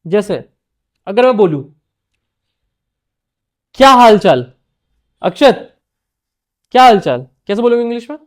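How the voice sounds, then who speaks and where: A man's voice: high voice, very animated, measured pace, pauses often. A man teaching an English grammar lesson to a class in Hindi, often quizzing students by name and checking they understand.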